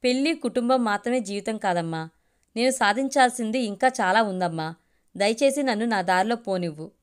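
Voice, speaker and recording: A woman's voice: on the high side, expressive, a little fast, clear, resonant tone, natural voice. A woman voicing a grown daughter who speaks firmly and earnestly in a storybook reading. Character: grown daughter, calm, firm, self-reliant.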